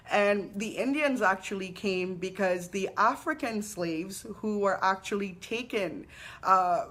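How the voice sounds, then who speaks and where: A woman, a spiritual teacher hosting a live weekly talk, telling stories in an unhurried, reverent way. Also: mid-range voice, a bit bright. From Trinidad and Tobago. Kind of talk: live-streamed personal talk.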